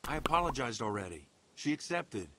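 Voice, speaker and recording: A young actor voicing a hotheaded, defensive young man in a game, snapping back in quick outbursts. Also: medium pitch, very animated, background noise, lightly acted. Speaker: game character.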